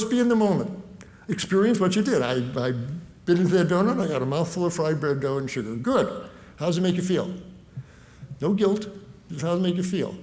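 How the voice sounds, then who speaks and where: Fairly high-voiced male physician, lively conversational health lecturer. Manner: lively, conversational, talks the listener through everyday choices. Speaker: physician giving a nutrition talk.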